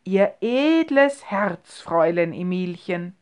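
A woman giving voice to a pompous middle-aged suitor who speaks in drawn-out, solemn phrases. He declaims his lines slowly and grandly, like a storybook gentleman proposing at a dinner table. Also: fairly low pitch, animated, clear, resonant tone. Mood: declaiming.

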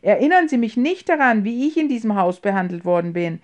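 A woman playing a loud scornful American heir. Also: on the high side, animated, normal speed, dull audio. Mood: angry. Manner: loud, mocking, sprinkles English words. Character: brash scornful American heir, grown man. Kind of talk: audiobook character reading.

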